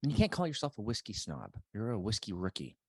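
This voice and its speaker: A man's voice: lowish voice, big pitch swings, fast talker, dark tone, slightly rough, no echo. A man hosting a podcast in casual chat, laid-back and teasing in his banter. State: married. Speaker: podcast host.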